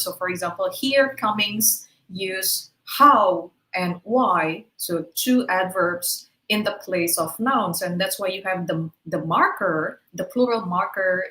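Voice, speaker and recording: An Indonesian woman whose first language is Indonesian gives a patient webinar lecture to teachers. Her voice has an ordinary middle pitch and a fairly bright tone, and the audio has noticeable room echo. She explains examples one at a time and checks her listeners are following with "right?".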